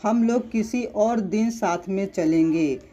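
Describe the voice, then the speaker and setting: Ram, a gentle young man, read by a narrator. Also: mid-range voice, slow pace, highs cut off.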